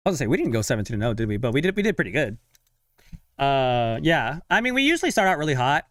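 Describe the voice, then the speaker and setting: A man's voice: fairly high pitch, fairly bright tone, clean tone, dry recording, clean studio sound. A young man chatting casually on a live stream while following a game, talking to himself and his viewers. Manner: chatty, self-talking, sighs of frustration and quick laughs.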